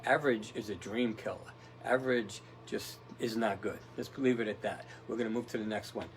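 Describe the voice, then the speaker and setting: A man's voice: on the low side, steady tone, fairly quick, slight background noise, low-quality recording. A man giving a casual motivational talk, rambling and tough-talking, often checking in with "right?". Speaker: motivational speaker.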